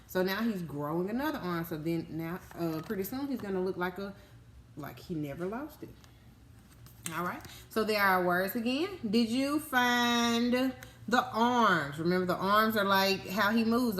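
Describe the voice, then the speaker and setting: This woman, a teacher, reads aloud from a picture book for young children, using simple instructive wording and stopping often to check in with questions. She has a mid-range voice with a fairly bright tone.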